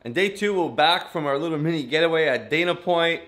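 Holding his camera at arm's length, a thirty-something dad vlogger chats casually to viewers and to a pet in a slightly high, fairly bright voice at a brisk pace. Most of it is filmed outdoors at a marina and on a patio, with later scenes in the garage and at home, and the background noise is clear.

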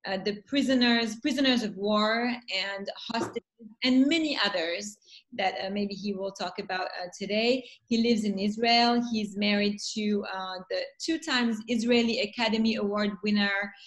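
A woman with a French accent, a festival founder introducing guests on a video call, talking with many pauses and fillers. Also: mid-range voice, poor audio. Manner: hesitant, many fillers, warm welcoming. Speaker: festival founder hosting a panel.

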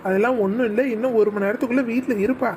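Woman playing a soft-hearted cartoon dad, fairly high voice, talks fast and soothing, light hiss. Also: steady tone, natural voice. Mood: coaxing. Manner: coaxing, reassuring, pleading. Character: caring young father, gentle and worried.

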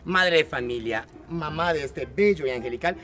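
A man's voice: fairly high pitch, animated, moderate pace, music in the background, lightly acted. A man plays a fussy, theatrical female substitute teacher in a sketch, talking in an exaggerated, melodramatic way. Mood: indignant. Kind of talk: sketch comedy acting.

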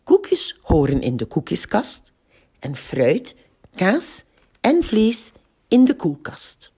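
A woman with a Flemish accent reading a picture book aloud to children, in a slow and expressive way. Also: medium pitch, slightly rough. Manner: slow, lively, expressive storytelling. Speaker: library storyteller.

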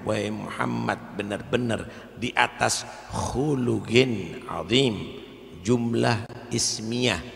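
Gravelly preacher in a reverberant hall. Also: male voice, medium pitch. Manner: fervent, swings from soft storytelling to loud exhortation; recites Arabic verses with slow drawn-out emphasis. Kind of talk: Islamic sermon at a religious gathering.

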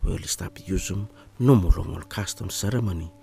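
A man's voice: low-pitched, fairly quick, creaky, warm tone, slight background noise. A man with a ni-Vanuatu accent giving scripted documentary narration in Melanesian pidgin, much like Solomon Islands Pidgin. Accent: ni-Vanuatu Bislama, Melanesian pidgin similar to Solomon Islands Pidgin.

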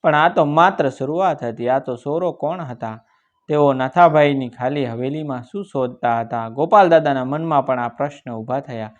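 A man's voice: medium pitch, moderate pace. Man narrating a story in dull lo-fi audio.

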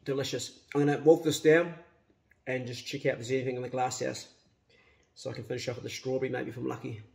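Fast-talking and creaky, a middle-aged vlogger speaks at medium pitch with little pitch movement and a slightly rough voice. He has a broad New Zealand accent and chats to camera in a relaxed, blokey, slangy way, filming on a phone at arm's length around his kitchen, yard and glasshouse.

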